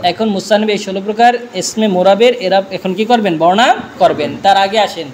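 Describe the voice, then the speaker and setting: Male teacher, very high voice, drills by question and answer, faint background noise. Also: fairly quick. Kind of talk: classroom grammar lesson.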